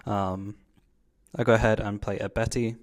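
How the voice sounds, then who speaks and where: A man with a lowish, fairly flat voice talks at a moderate pace, casually commentating over a card game he's playing. He explains his own moves in slangy, informal voice-over.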